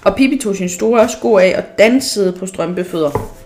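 A woman reading a children's story aloud in a lively way, often tripping over words and restarting. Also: mid-range voice, slight background noise. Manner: lively read-aloud with frequent slips and restarts.

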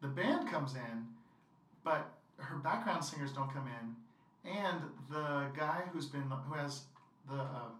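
A woman guest in a casual interview, playful and laughing, who acts out quotes loudly. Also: sits low, lively intonation, slow pace. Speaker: guest performer. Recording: echoey room from far off.

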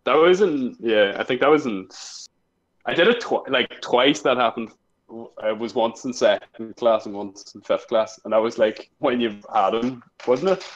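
A man's voice: medium pitch, normal speed, highs cut off. A young man, chatting casually on a podcast and laughing through rambling school stories. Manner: laughs often while telling stories, rambling. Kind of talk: casual chat.

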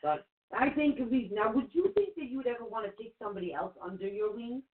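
A woman's voice: on the high side, animated, fast. A woman co-hosting an online talk show, gushing and encouraging toward a guest. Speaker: co-host, psychic reader. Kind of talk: casual talk show chat. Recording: tinny phone-like call audio.

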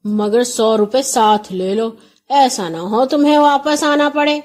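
Woman voicing a good-natured village man, soft-toned and pleading. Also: a little high, pitched above the performer's own voice, close to an everyday voice. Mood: confident. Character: easygoing male peasant Raja, boastful.

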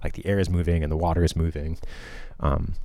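A man's voice: very deep voice, little pitch movement, fast talker, gravelly, warm tone, no room sound. A man, a musician guest, giving thoughtful, meandering answers in an interview conversation. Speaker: musician guest, artist in residence.

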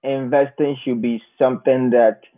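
A man's voice: mid-range voice, little pitch movement, moderate pace, dark tone, rough recording. A man, a podcast guest, speaking thoughtfully with frequent hesitations. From Ghana. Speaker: interview guest. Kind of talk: casual interview.

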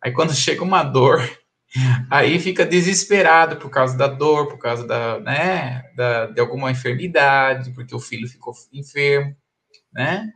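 A man's voice: mid-range voice, measured pace, fairly bright tone. A man, a pastor, preaching in a live-streamed Bible study, emphatic and repetitive, chuckling between points.

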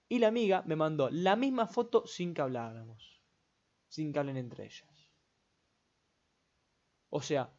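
A man's voice: on the high side, a little mellow. A young man with a Rioplatense Spanish accent, hosting a casual solo podcast and rambling along with many filler tags. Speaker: podcast host. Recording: dull lo-fi recording.

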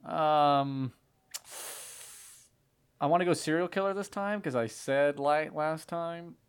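A man co-hosting a casual podcast chat, thinking out loud and hesitating as he answers quiz questions. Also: fairly high pitch, slow, clean tone. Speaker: podcast co-host and quiz contestant.

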